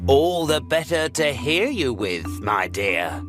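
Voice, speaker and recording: A woman voicing a sly, hungry male wolf with a crackly, croaking voice for a storybook reading. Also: a bass voice, very animated, slow, music in the background, voice pushed down, exaggerated voice.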